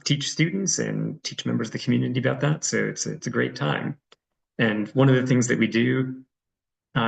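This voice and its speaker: A man's voice: fairly low pitch, vocal fry, low-quality recording. A man giving a friendly, loose online presentation over a video call, as a reserve director, with frequent ums. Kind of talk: online presentation with screen sharing.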